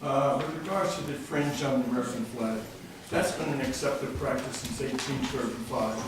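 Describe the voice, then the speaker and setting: An older man speaks at a council podium, earnest and patriotic, slipping in a joke now and then. His voice sits at an ordinary middle pitch. It is caught from some distance in a very echoey chamber. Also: normal speed. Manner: earnest, patriotic, tells jokes. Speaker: public commenter at city council. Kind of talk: public comment speech. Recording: very echoey room, distant mic, faint noise.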